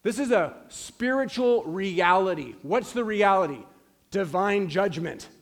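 Earnest high-voiced man in his forties preaching. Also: animated, measured pace. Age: 40s. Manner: earnest, emphatic preaching with repeated phrases. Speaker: pastor. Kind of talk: sermon.

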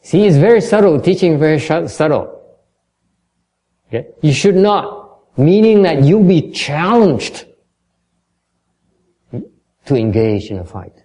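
Mellow-voiced male dharma teacher. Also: on the high side, big pitch swings, slow pace, pauses often. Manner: explains in English, then repeats in Vietnamese, often stumbling over repeated words. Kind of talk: bilingual dharma lecture.

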